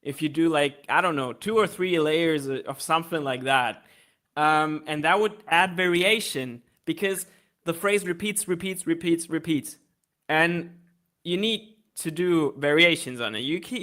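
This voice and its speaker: A man's voice: fairly high pitch, a little slow, bright, forceful tone. A man on an online call giving easygoing, practical feedback on a song, often restarting his sentences. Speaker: music reviewer. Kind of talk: casual review chat on a live stream.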